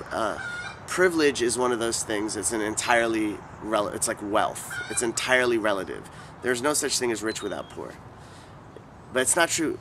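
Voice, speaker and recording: A man in his forties from California with a fairly low voice, answering interview questions thoughtfully and haltingly, stopping often to restart his sentences. He is recorded outdoors in a city, with clear street noise behind him. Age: 40s. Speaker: interviewee, activist.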